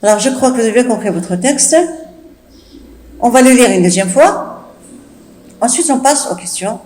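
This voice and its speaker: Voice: medium pitch, animated, normal speed, darkish tone. A French teacher patiently explaining a text and its old words to pupils, often checking they follow. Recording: echoey room.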